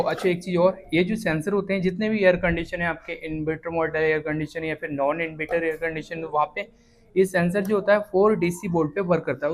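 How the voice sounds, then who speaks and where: Guy with a high voice walking you through a repair step by step, keeps checking in. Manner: explains step by step, often checks in with "thik hai". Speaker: repair instructor. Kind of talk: hands-on repair tutorial.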